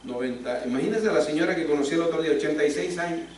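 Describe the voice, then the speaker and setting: Pastor, male, emphatic sermon with rhetorical questions, high-pitched, heavy hall echo. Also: fast, darkish tone, a little hiss or hum. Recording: echoey hall, speaker far from mic.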